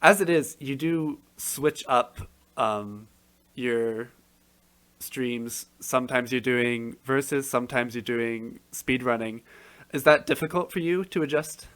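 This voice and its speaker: A man interviews a guest on his podcast in a steady, friendly way. His questions are measured and sprinkled with small fillers. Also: medium pitch. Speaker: podcast host.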